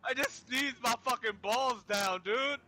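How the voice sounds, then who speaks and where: A young man in casual banter while playing a video game with a friend, excitable, laughing often and swearing freely. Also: extremely high pitch, a little slow, a crowd in the background. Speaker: co-op gaming partner.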